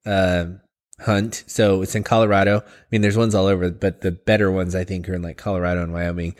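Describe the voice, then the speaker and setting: A man's voice: low voice, little pitch movement, fairly quick. A man co-hosting a podcast in casual chat, dry and a bit sarcastic. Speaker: podcast co-host.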